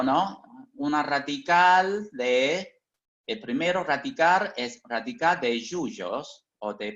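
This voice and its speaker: Very slow halting male lecturer, dull sound. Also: a little high, fairly bright tone. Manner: constant tag questions, halting and self-correcting. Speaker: teacher. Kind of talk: online lecture. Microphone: video call.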